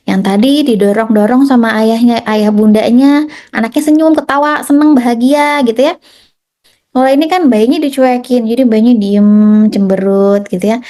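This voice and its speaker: Chatty woman doctor, warm mellow voice. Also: on the high side. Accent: Indonesian. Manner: chatty, repeats tag "ya" and "gitu", acts out quotes. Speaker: pediatrician giving a health talk. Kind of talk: educational health talk to parents.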